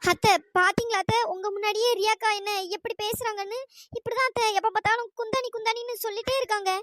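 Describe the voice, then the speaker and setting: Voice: extremely high pitch, steady tone, quick pace, a bit bright, no room sound. A performer voicing a scheming young woman who complains to her aunt in a cartoon. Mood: whining. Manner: complaining, pleading. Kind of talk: cartoon voice acting.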